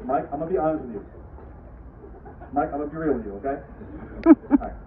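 A man's voice: a little high, quick pace. A man performing comedic live stage patter, projecting cheeky banter to volunteers and audience at an outdoor show. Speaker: street performer, unicycle stunt comedian. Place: outdoor wooden stage in woods at a fair. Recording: distant, tinny, echoey crowd phone video. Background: noisy outdoor audience.

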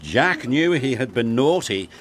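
A man's voice: mid-range voice, background noise. A man narrating a children's story about work machines. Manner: slow, lively storytelling. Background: music.

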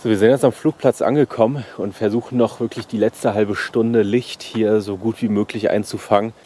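A young man in his twenties vlogging outdoors on an abandoned airfield at sunset, hurried and excited. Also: fairly low pitch, slight background noise. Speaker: urban explorer vlogger. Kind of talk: casual vlog talk outdoors.

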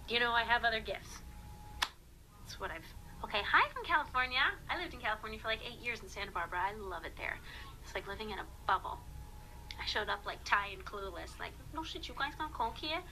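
A woman in her thirties chatting casually and excitably with viewers on a phone livestream from a small dressing room. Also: medium pitch, quick pace. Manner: excitable, chatty, reacting to comments. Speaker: stage performer livestreaming backstage. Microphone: phone at arm's length. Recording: noisy phone livestream audio.

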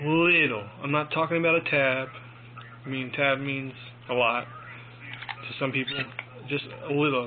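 A young man giving a casual, rambling product review in a phone video, halting and informal, recorded on a handheld phone in a room at home. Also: mid-range voice. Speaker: amateur headphone reviewer. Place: small domestic room, indoors. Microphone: handheld phone mic. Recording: tinny phone recording with clear noise.

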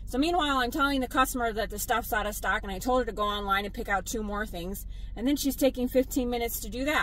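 A woman, a delivery driver vlogging from her car, blunt and animated as she tells her stories. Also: fairly high pitch, fast, a little hiss or hum, rough recording. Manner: exasperated, blunt, animated storytelling. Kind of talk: casual vlog venting to viewers.

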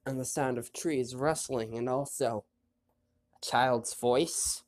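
A let's play host with a stuffy nose chats casually over gameplay and reads the on-screen story text aloud. His voice is quiet and low, with fairly even intonation, and he takes it slowly.

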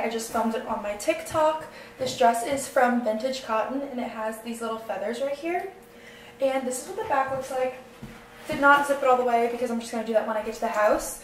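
A woman's voice: high voice, far from the mic. Young woman, bubbly sorority girl, casual get-ready vlog chat, echoey room, faint noise. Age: early 20s. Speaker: college sorority member vlogging. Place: small echoey rooms in an apartment and house. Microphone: handheld or propped vlog camera. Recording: roomy echo, faint background noise.

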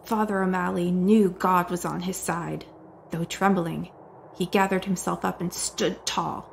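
A woman narrating a dramatic horror story from a script, often dropping into hushed whispers. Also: lowish voice, steady tone, a little slow, vocal fry, slight background noise.

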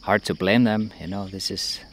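A young man vlogging with a handheld camera outdoors, talking in a chatty, excitable way and laughing often. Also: low voice, normal speed, slight background noise. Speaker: travel vlogger. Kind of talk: casual travel vlog narration. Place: outdoors in rural hills and an open-air bamboo restaurant. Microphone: handheld action camera at arm's length.

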